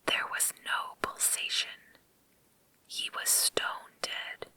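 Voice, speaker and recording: A woman reading a story in a creepy, breathy ASMR whisper, slow and deliberate, close to the microphone. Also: bright, forceful tone, no echo.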